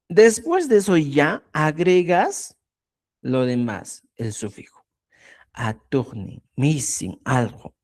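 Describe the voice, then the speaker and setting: Slow, animated male language teacher. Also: a little high. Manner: explanatory, checks understanding with frequent tag questions. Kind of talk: live online grammar lesson.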